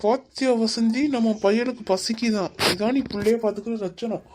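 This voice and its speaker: A woman's voice: fairly high pitch, fairly even intonation, moderate pace, noisy background, close to an everyday voice. A woman voicing a stern, bossy middle-aged husband in a cartoon, scolding his wife. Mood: berating. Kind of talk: cartoon voice acting.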